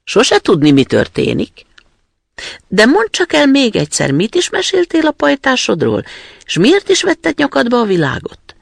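A man's voice: very high voice, wildly swooping pitch, vocal fry, dry recording, pitched above the performer's own voice, exaggerated voice. A man voicing a bold, fierce young robber girl who talks in a brash, threatening way, in a storybook reading. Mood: curious.

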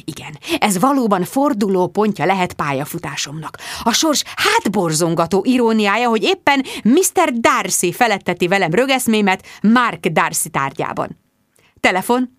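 A woman narrating a comic diary audiobook in an expressive, breathless manner. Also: medium pitch, no echo, studio quality.

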